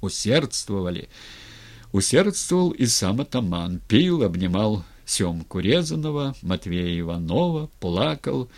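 A male narrator reads a literary story in a slow, measured way. His voice moves expressively through a lively pitch range.

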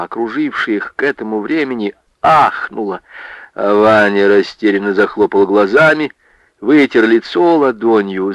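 A man reads a literary story aloud with measured, expressive pacing. His voice sits in a middle register. The radio recording is dull and lo-fi, with a dry, close sound. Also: medium pitch, dry recording. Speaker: narrator.

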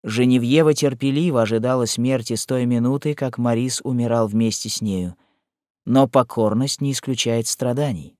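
A man narrating a chapter of a classic novel in a measured, solemn reading, slowing down on key phrases. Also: mid-range voice, mellow, dry recording, clean studio sound. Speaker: audiobook narrator. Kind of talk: scripted narration.

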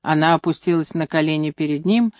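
A reader narrating a literary story with measured, expressive delivery. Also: medium pitch, dry recording, studio quality.

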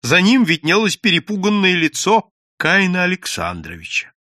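A man reading an audiobook story aloud in an expressive, dramatic way. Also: high-pitched, moderate pace, dry recording, clean studio sound. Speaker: audiobook reader.

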